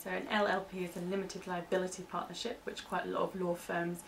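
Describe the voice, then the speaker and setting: A British woman with a low, gravelly voice explains legal terms informally for staff training, hedging with "kind of" as the interviewee. Her pitch barely moves and she talks quickly. The mic is distant, with faint background noise.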